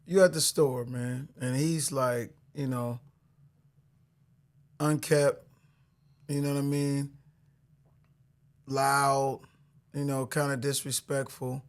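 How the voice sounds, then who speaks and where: A man hosting a podcast interview, asking questions in a casual way and often halting to repeat words as he goes. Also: medium pitch, flat delivery. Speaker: podcast host.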